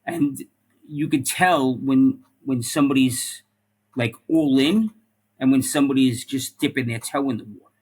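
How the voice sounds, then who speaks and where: Recorded in low quality, a middle-aged man who once worked as a police officer and firefighter gives an earnest casual interview as a podcast guest, repeating words and saying "like" and "right?" often. His medium-pitched voice is darkish with a breathy edge, at a moderate pace.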